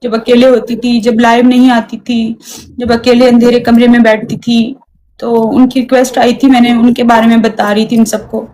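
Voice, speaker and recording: A woman's voice: on the high side, flat delivery, normal speed, warm tone, a little hiss or hum, poor audio. A young woman on a live stream, talking earnestly and pleadingly and repeating herself. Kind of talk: emotional live-stream chat.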